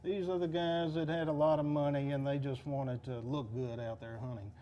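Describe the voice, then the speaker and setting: A man talking casually as a collector explaining his collection, with halting speech that pauses mid-thought. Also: medium pitch, steady tone, warm tone. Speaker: duck call collector being interviewed. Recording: clear background noise.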